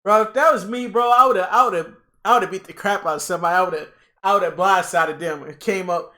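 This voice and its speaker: A young man hosting a casual livestream reaction, excitable and rambling, repeating himself and talking to his chat. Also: sits high, fairly quick. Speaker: livestream host.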